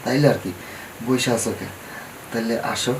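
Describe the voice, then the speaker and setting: A man's voice: mid-range voice, steady tone, normal speed, noisy background, lightly acted. An actor playing a pushy, greedy male moneylender who talks bluntly in dialect. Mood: scheming. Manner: blunt, demanding, coarse dialect. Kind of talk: TV drama acting.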